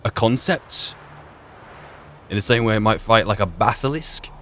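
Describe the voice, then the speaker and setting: A gamer narrates a roleplay playthrough with reflective solo commentary, drifting in and out of character while video game music plays. His lowish, slightly bright voice is animated and fairly quick, with slight background noise. He muses philosophically and asks himself rhetorical questions along the way.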